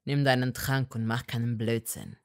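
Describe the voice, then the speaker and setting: A woman's voice: rumbling low, steady tone, moderate pace, voice pushed down. A woman reading a fan story and voicing a cold, bitter young wizard who growls curt, scornful replies.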